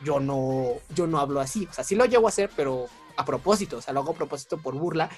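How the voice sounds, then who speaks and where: A man's voice: a little high, expressive, quick pace, darkish tone, soft background music. A young man with a Mexican accent, chatting as an interview guest, talkative and self-mocking, laughing often. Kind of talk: casual chat.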